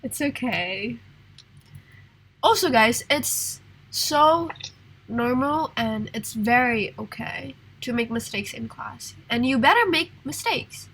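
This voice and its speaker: A woman leads an online English lesson in a high, bright voice roughened by a sore throat. She talks slowly and patiently, reading exercises aloud and encouraging her students over a video call. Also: lively intonation, poor audio. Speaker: English teacher. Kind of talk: online class teaching.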